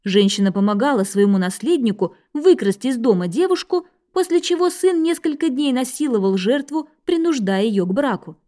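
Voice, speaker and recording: A woman reads a scripted history narration in an even, measured way. Her voice sits somewhat high for a woman. She keeps a steady reading pace throughout.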